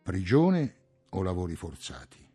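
A man reading an audiobook, voicing a calm, patient man with a gently ironic manner. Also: low voice, a little slow, breathy edge, faint music behind, pitched below the performer's own voice, heavily acted.

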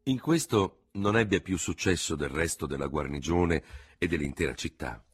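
A man reading a novel aloud as the narrator, with an expressive storytelling delivery. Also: very deep voice, normal speed, husky. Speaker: audiobook narrator. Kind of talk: scripted literary narration.

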